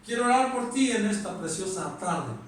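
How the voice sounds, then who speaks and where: A man's voice: high voice, animated, normal speed, slight background noise. A man preaching a sermon with a Mexican Spanish accent, earnest, repeating himself and asking rhetorical questions. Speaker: pastor. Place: church or meeting room. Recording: echoey room from far off.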